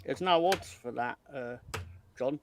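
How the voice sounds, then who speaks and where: A man's voice: mid-range voice, measured pace. A man co-hosting a casual football chat, full of wry, joking asides. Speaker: podcast co-host.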